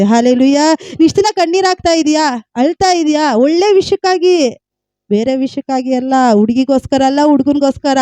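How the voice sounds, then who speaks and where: A woman's voice: high voice, dark tone, dry recording. A woman preaching a sermon with a Kannada accent, emphatic, repeating phrases and calling out hallelujah.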